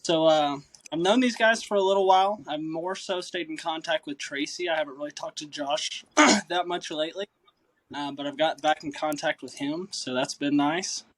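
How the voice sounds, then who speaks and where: A man's voice: fairly high pitch, moderate pace. A man in his thirties from Kentucky with a Southern accent, chatting casually as a podcast guest and rambling with lots of uh and um. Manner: relaxed, rambling with many uh and um. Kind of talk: casual chat.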